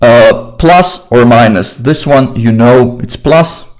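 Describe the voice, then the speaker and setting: A man's voice: mid-range voice, takes it slowly, poor audio. Casual young man teaching grammar. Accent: Slovak. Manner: relaxed, informal and chatty, repeats phrases. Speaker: English teacher. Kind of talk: casual online grammar lesson.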